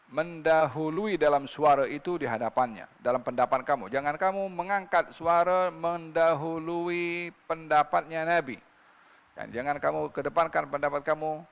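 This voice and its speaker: Guy preaching, kinda high voice with a lot of gravel, keeps asking the crowd rhetorical questions. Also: big-room sound. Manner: asks listeners rhetorical questions and recites scripture in Arabic. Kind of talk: religious sermon.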